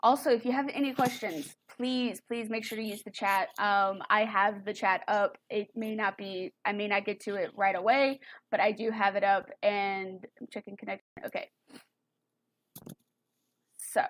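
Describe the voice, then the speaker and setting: A woman's voice: mid-range voice, steady tone, normal speed, slight background noise. A young woman teaching an online music lesson over a computer mic, explaining in a chatty way with fillers and self-corrections.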